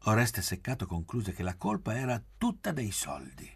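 A man reading a novel aloud in a measured, quiet, literary way. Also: fairly low pitch, sing-song, husky. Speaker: narrator.

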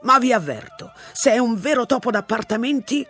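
An audiobook reader voicing a wry, sardonic police sergeant who talks fast and jokes. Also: medium pitch, lively intonation, a bit bright, soft background music, voice pushed up, natural voice. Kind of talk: audiobook character voice.

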